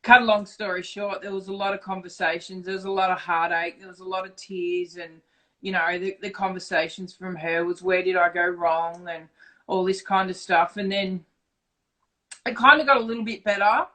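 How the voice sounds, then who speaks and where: A middle-aged Australian woman talking openly in a relaxed interview. She is blunt and swears freely, and her delivery turns animated when she re-enacts conversations. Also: medium pitch, normal speed, poor audio. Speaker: interview guest. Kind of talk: casual storytelling interview.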